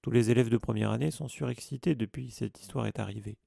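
A man voicing a stern, self-important teenage boy prefect who scolds loudly. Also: medium pitch, fast, vocal fry, no room sound, studio quality. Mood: scolding. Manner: indignant, scolding.

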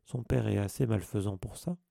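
A man's voice: on the low side, moderate pace, vocal fry, mellow, no room sound. A man voicing an earnest teenage boy in a plain, reasoning tone close to his own voice.

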